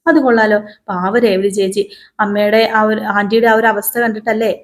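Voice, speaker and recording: A woman voicing an excitable young woman who asks quick, high-pitched questions. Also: close to an everyday voice. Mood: indignant.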